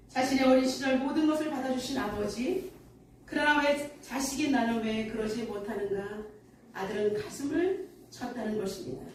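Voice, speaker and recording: A woman's voice: fairly high pitch, darkish tone, slight background noise. A woman pastor preaching a sermon earnestly and telling a story, recorded in a church sanctuary from a distance. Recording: echoey church hall from afar.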